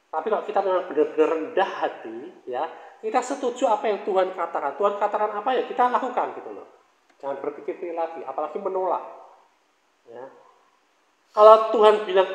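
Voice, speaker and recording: Male pastor, high-pitched, chatty sermon delivery with rhetorical questions, echoey hall. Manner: conversational preaching with frequent rhetorical questions and asides.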